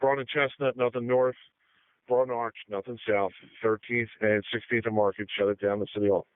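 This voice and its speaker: A man gives police orders over the radio at a rapid clip. He is brisk and directive, at an average pitch. The audio is dry and very narrow, like a cheap speaker. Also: fairly even intonation, clean tone, no room sound. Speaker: police field supervisor.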